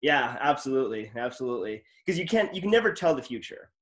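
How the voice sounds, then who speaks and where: A man's voice: mid-range voice, sing-song, fast talker. A man hosting a casual interview, telling stories in an enthusiastic, rambling way. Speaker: podcast host.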